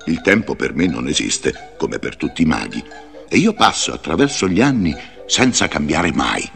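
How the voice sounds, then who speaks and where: An actor playing a wise, patient old wizard who narrates a read-along storybook in a lively, theatrical way. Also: male voice, extremely low pitch, moderate pace, vocal fry, faint music behind, exaggerated voice. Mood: kindly.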